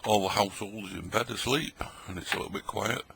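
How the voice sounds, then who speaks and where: This casual late-night vlog features a middle-aged man talking fast in a fairly low, steady voice with vocal fry and a fairly bright tone. He wanders from topic to topic, joking and eating old tinned food at his table. Slight background noise is present.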